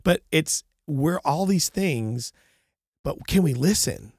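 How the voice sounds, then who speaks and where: A man's voice: on the high side, animated, takes it slowly, a little mellow, breathy edge, no room sound, studio quality. A man with a congested, nasal voice hosting a podcast, chatting casually and emphatically, often repeating himself to make a point. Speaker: podcast host. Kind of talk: casual co-hosted podcast chat.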